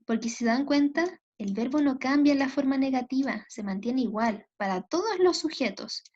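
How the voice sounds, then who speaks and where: A woman teaching English grammar, slowly and patiently repeating each point in two languages, with a Latin American Spanish accent. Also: high-pitched, a little mellow. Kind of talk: bilingual grammar lesson. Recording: dull lo-fi computer audio.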